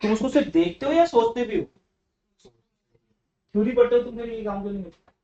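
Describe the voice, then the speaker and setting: A man's voice: very high voice, fast, warm tone, highs cut off. A male commerce teacher giving a classroom economics lecture, coaching and scolding students on how to read theory aloud.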